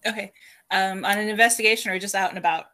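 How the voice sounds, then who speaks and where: A woman's voice: medium pitch, fairly even intonation, fast talker, pushed and bright. A woman guest on a podcast, casually telling stories about her paranormal work and laughing often between sentences. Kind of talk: casual storytelling interview.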